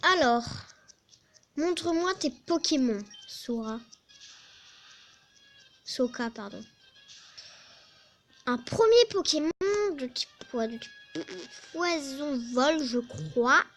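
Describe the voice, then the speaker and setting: A woman giving casual, excitable let's play commentary, chatting to her team and swearing at opponents. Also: high voice, slow pace, long pauses, faint music behind.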